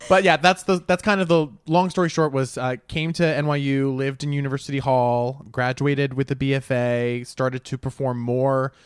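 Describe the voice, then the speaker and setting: A man's voice: medium pitch, flat delivery, clean tone, no echo. Campy, witty man on a podcast. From Rhode Island. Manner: campy, quick-witted and theatrical. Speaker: comedian guest. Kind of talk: casual podcast chat.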